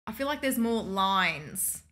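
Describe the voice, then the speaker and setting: A woman's voice: medium pitch, big pitch swings, takes it slowly, bright, forceful tone. A young woman, chatting casually as a co-host. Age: young adult. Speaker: reaction video co-host. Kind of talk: casual chat. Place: small indoor home studio. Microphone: microphone on a desk boom arm.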